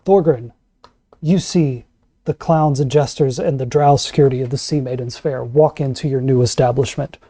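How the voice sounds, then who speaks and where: A man's voice: medium pitch, moderate pace, mellow, no echo. A man casually narrating a tabletop role-playing game as game master.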